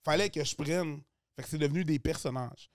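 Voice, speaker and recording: Man, Quebec French accent, comedian, casual podcast chat, animated, dry close mic. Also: fairly high pitch, fairly quick, dry recording. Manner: animated, shifts voices and accents while explaining. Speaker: stand-up comedian guest.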